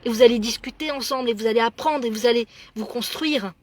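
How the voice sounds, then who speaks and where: A middle-aged woman telling a story in a lively monologue, acting out the voices of the people in it and often repeating words. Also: fairly high pitch, fast talker. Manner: animated, acts out dialogue, many repeated words. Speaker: religious speaker.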